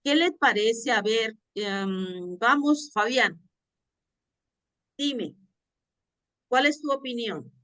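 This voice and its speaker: A woman's voice: a little high, animated, drawn-out words, long pauses, fairly bright tone, dry recording. A woman teaching a class, reading a passage aloud and asking her students questions.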